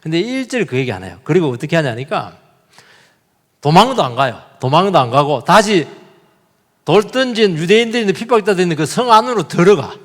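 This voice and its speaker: A man's voice: sits high, very animated, fairly quick, big-room sound. A male pastor giving a sermon, talking animatedly and putting rhetorical questions to his congregation. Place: church sanctuary.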